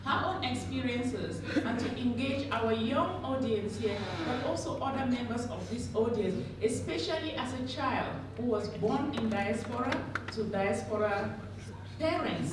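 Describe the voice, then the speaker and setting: A woman's voice: a little high, moderate pace, noisy background. A woman hosting a summit session, introducing the next speaker and reading her biography from a booklet with a few fillers. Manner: reads a prepared biography with fillers. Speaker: event host introducing a speaker. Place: large conference room with audience. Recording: echoey hall, captured from far.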